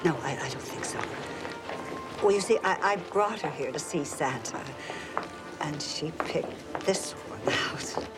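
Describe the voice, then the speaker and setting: A woman's voice: sits low, lively intonation, normal speed, over loud music. An actress playing a sweet, timid older grandmother in a screen drama, hesitant and apologetic in her delivery. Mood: embarrassed, wistful. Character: sweet, timid, doting grandmother shopping for a doll.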